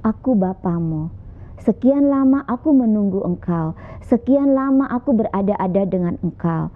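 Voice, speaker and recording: A woman voicing a gentle, fatherly divine voice that calls softly and tenderly. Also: medium pitch, lively intonation, normal speed, natural voice. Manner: soft, calling, tender. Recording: tinny phone-like sound.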